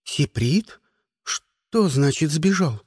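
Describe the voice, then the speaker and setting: A man reading an audiobook, voicing a young, flustered female schoolteacher who asks anxious, quick questions. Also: on the high side, animated, darkish tone, slightly rough, dry recording, clean studio sound, exaggerated voice. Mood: alarmed.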